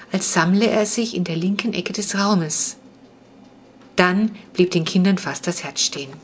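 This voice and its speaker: A woman narrating a children's storybook aloud, expressive and suspenseful. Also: medium pitch, a little hiss or hum. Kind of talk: audiobook reading.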